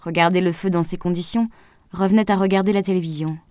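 A woman reading a novel aloud as an audiobook narrator, with an even, measured delivery. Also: fairly low pitch, no echo. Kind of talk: scripted narration.

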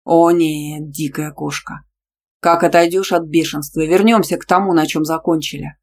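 A woman's voice: deep voice, fairly even intonation, moderate pace, a little mellow. Woman reading a curt, threatening possessive man. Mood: stern. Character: possessive, domineering young male gym teacher.

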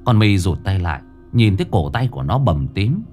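A man's voice: deep voice, sing-song, fairly quick, a little mellow, faint music behind. A man narrating a ghost story expressively.

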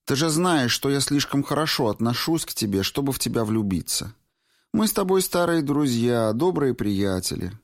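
Audiobook: male reader voicing an earnest young woman, raised and pleading, lively intonation. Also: moderate pace, lightly acted. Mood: reproachful. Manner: raised pitch, emphatic and pleading. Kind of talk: audiobook reading.

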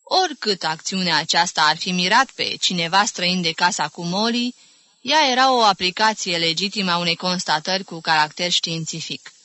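A woman reading a literary novel aloud in a measured, ironic narrating manner. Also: lowish voice, pushed and bright, no room sound. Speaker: audiobook reader. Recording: dry close studio recording.

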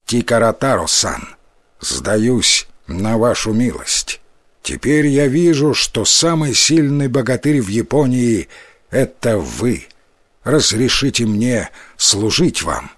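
A man voicing a defeated male strongman who humbly surrenders and offers to serve, in a low, slow, subdued voice. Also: expressive, no room sound, studio quality. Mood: humble.

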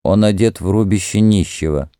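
A man voicing an entranced young Greek man who cries out hoarsely and then murmurs as if in a trance. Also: low voice, normal speed, warm tone, dry recording, clean studio sound, natural voice.

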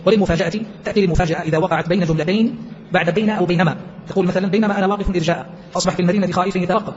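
A man teaching a class, explaining a text quickly and quoting verses as he goes. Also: high-pitched, lo-fi sound. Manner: rapid, explanatory, quotes verses in between.

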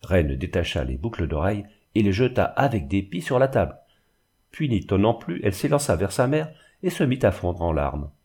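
A man reading a classic novel aloud in a steady, literary narration. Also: low-pitched, moderate pace, husky. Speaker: audiobook narrator. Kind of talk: scripted narration.

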